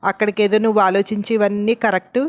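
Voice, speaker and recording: A woman's voice: mid-range voice, flat delivery, fast, lightly acted. Brief: woman voicing a reproachful young girlfriend in an audio story, dull lo-fi sound. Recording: dull lo-fi recording.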